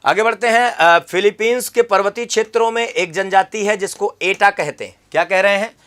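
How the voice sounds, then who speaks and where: A man's voice: high voice, normal speed, fairly bright tone. A man teaching an exam-prep geography lesson, repeating key terms and quizzing the viewer with questions.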